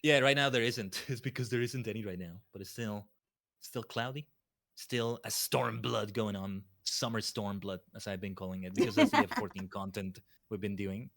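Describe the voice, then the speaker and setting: A man with a somewhat low voice talks casually on a livestream. He rambles along as a guest, often doubling back to repeat a phrase. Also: animated, normal speed, gravelly, a bit bright. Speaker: guest streamer.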